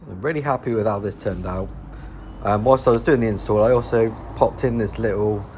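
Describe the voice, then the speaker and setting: A man with a fairly low voice hosts a casual build walkthrough, explaining things informally. There is faint noise in the background. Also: fairly quick, a little mellow. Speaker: DIY bus conversion video host.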